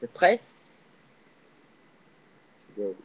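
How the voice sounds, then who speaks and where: A young man casually commenting while he plays a video game, hesitant and full of fillers, with sudden excited yelps on jumps. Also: extremely slow. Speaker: gaming channel host. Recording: dull lo-fi recording.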